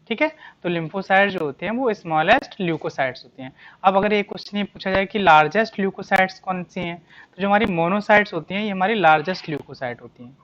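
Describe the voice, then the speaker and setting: A biology teacher explaining exam answers with a mid-range voice, neither high nor low. The teacher keeps throwing out rhetorical questions and answering them, stressing key terms again and again. The sound is dull and slightly muffled. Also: a bit bright. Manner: reads English questions slowly, explains in Hindi.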